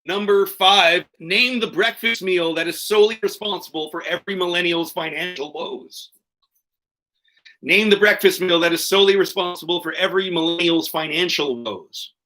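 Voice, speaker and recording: Bright-voiced man hosting a quiz. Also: sits high, normal speed, rough recording. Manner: joking, profane asides. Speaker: quiz host. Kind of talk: hosting an online pub quiz.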